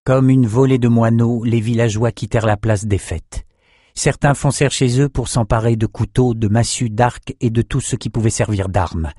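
A man narrating a fantasy audiobook with even, measured storytelling. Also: medium pitch, no room sound, studio quality.

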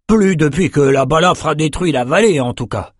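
A man voices a wary, red-faced shepherd who grumbles and distrusts outsiders, pitching his voice above his natural range. His delivery is expressive and on the high side, at a normal pace. The recording is dry and of studio quality.

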